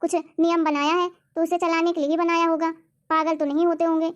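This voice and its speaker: Strict, scornful old mother-in-law for a cartoon, high-pitched, played by a woman. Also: flat delivery, fairly quick, dull audio. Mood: scolding. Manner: bossy, lecturing, scornful. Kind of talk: cartoon story voice acting.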